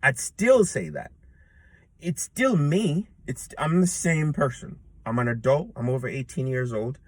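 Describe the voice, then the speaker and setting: This is a reflective, casual monologue from a jiu-jitsu purple belt vlogger, a man in his thirties talking to himself in a public outdoor spot. His medium-pitched voice moves a little slowly, earnest and rambling, with lots of restarts and fillers and no room sound.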